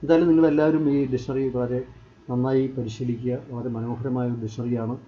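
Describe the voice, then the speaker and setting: A man's voice: medium pitch, flat delivery, a little fast, highs cut off, a little hiss or hum. A man teaching English in a screen-share tutorial, repeating himself while he points things out on screen. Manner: repetitive, pointing out items on screen.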